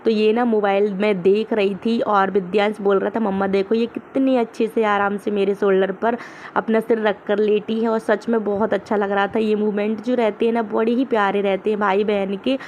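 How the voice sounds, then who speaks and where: A young mother talks over home footage in a relaxed, conversational voice-over at an ordinary middle pitch. She rambles in a homely way, with frequent fillers and self-corrections. A faint hiss of background ambience sits under her voice. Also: moderate pace. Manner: homely, chatty, with filler "ना" and restarts. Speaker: family vlogger, mother.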